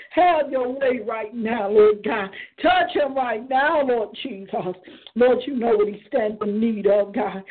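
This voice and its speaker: A woman leading a fervent spontaneous prayer in a rhythmic chant, punctuating every phrase with "Lord God". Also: mid-range voice. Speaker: prayer leader on a prayer line. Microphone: phone. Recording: tinny phone line.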